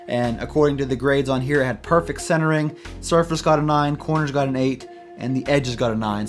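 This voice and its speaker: A man in his thirties with an American accent, hosting a casual, upbeat rundown of collectible card sales from a small room at his desk. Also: a little high. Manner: upbeat, loose, conversational. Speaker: host.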